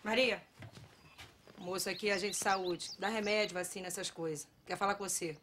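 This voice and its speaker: A woman acting a brisk, bossy worker at a brothel in a film drama. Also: medium pitch, steady tone, fairly bright tone, a little hiss or hum, close to an everyday voice. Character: brusque woman working at a brothel.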